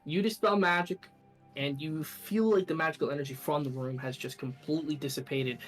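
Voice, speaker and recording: A man running a tabletop game as game master, describing scenes in a relaxed way with fillers. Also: on the high side, a little fast, faint music behind.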